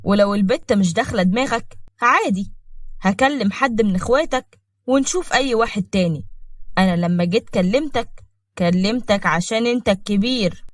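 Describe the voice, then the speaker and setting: A woman's voice: mid-range voice, normal speed, no room sound, clean studio sound, lightly acted. A woman voicing a firm, caring father who counsels his son, in Egyptian Arabic. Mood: fatherly. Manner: fatherly, persuasive.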